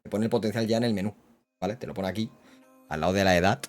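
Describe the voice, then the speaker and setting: Excitable gamer, low voice. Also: male voice, quick pace, faint music behind. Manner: excitable, slangy, yells at goals. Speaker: gaming YouTuber. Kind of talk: live gameplay commentary.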